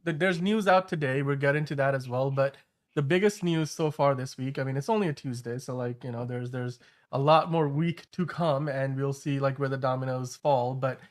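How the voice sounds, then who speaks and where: Conversational male host, mid-pitched and rambling. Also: normal speed. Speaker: host of an entertainment news show. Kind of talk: casual news commentary.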